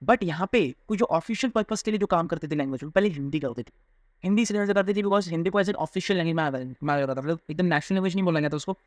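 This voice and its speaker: A young man teaching a textbook chapter to students. He reads English passages slowly, then explains quickly in Hindi, talking directly to the class. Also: a little high, no echo, studio quality.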